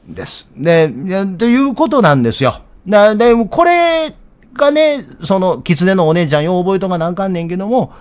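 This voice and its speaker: Blunt Kansai man, very animated pitch. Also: normal speed. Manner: blunt, rough-spoken, heated. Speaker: political commentator. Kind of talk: casual political commentary.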